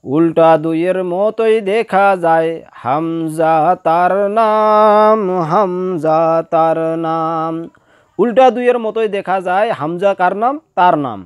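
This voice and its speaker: Slow, clear-voiced man teaching Quran letters. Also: high-pitched, dry recording, clean studio sound. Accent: Bangladeshi Bengali. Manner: patient, repeats each syllable, asks and answers his own questions. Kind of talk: slow spelling-out lesson, drilling letters and vowels.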